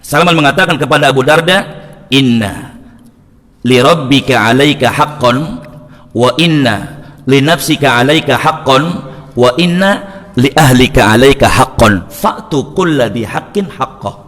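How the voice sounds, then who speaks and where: A man's voice: medium pitch, a little slow. A man preaching to a mosque congregation, joking, laughing and acting out quoted lines. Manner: lively, jokes and laughs with the congregation, acts out quotes. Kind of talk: mosque study sermon. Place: mosque hall. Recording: long hall reverb.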